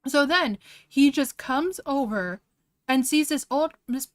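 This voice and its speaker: A woman's voice: high-pitched, lively intonation, takes it slowly. A young woman streaming while she draws. She chats casually, often saying "like", and keeps breaking into giggles as she reacts in disbelief. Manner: giggly, laughs often, heavy use of "like". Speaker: art streamer. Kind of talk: casual livestream chat while drawing.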